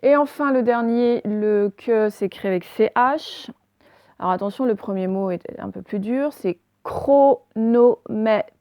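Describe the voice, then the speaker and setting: A woman teacher giving a recorded spelling lesson, dictating words slowly and spelling them letter by letter. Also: mid-range voice, darkish tone, dry recording. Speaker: primary school teacher.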